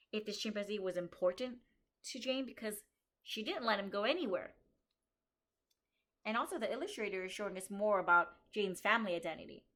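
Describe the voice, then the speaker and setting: Reading a picture book to a group of young kids, this kindergarten teacher speaks in a mid-range voice that is pushed and bright. She stops now and then to think aloud about what the author and illustrator are showing, and she slows down on the important story lines to give them weight.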